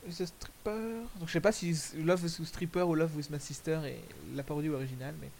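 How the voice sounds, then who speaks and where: A man's voice: a little high, fairly even intonation, fast, vocal fry, a little mellow, a little hiss or hum, low-quality recording. A man giving casual, rambling commentary over video clips, correcting himself often and using crude slang. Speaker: commentator reviewing fan music videos.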